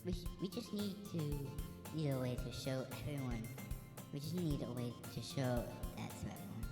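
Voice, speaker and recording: A man's voice: medium pitch, lively intonation, moderate pace, voice pushed up. A man reading visual novel dialogue and narration aloud, with his voice run through a female voice changer filter. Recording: roomy echo with game music behind.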